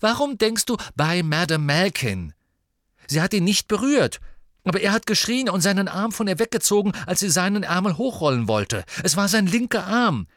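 A man reading aloud voices a stubborn, suspicious teenage boy from a storybook. He presses his point urgently and insistently, with a lively, raised voice, recorded dry. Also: fairly high pitch, unhurried, vocal fry, few pauses, breathy edge, dry recording, voice pushed up, full character voice.

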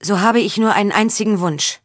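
A nervous, earnest young man, as a woman reads him in an audiobook. He speaks hesitantly in a slightly husky voice. The sound is dry and close to the mic. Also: mid-range voice, brisk, dry recording, pitched above the performer's own voice, close to an everyday voice. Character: nervous young male faun-named commoner.

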